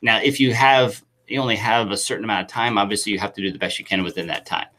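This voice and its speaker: A man talking as a youth soccer coach in a live chat. His voice sits a bit low but rings bright. He rambles with eager restarts. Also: steady tone, fast talker.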